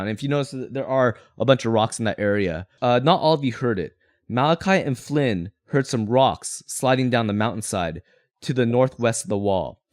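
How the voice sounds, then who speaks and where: Game master explaining the scene, dry close sound. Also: male voice, mid-range voice, no echo. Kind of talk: narrating a tabletop game, casual.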